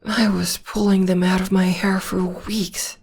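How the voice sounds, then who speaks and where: A woman voice actor plays a gentle, devoted young witch girlfriend in an ASMR audio roleplay, speaking in a breathy, slow half-whisper close to the mic. Her pitch sits in the middle and barely moves, and her soft, comforting delivery feels tender and reassuring.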